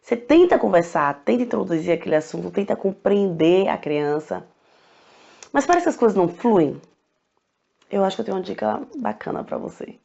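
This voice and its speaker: A woman with a Brazilian Portuguese accent giving lively, chatty parenting advice straight to the listener. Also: mid-range voice, fairly quick, vocal fry. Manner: lively, chatty, acts out questions in a raised voice. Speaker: parenting educator. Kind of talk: casual advice talk to camera. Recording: dull lo-fi recording.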